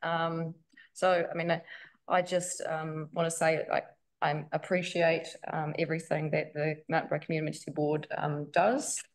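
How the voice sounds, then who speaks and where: A woman gives an informal address to a local council meeting. Her voice sits fairly low, and she fills her speech with ums and restarts as she reads loosely from notes. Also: flat delivery, a little slow. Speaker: member of the public.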